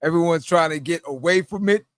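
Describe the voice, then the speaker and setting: This podcast host, a middle-aged man with a New York accent, tells casual stories fairly quickly in a voice on the high side, laughing and imitating the voices he quotes. The recording is dry, clean studio sound.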